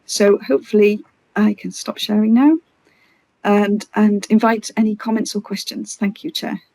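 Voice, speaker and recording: A woman presents formally to a committee in a medium-pitched voice. She speaks in a halting way, often restarting words, and the sound is dry with no room echo. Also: steady tone, dark tone.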